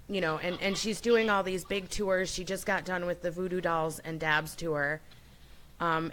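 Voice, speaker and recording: A woman hosting a radio show, chatting casually and admiringly in a loose, unscripted way as she gives shout-outs. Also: lowish voice, slight background noise.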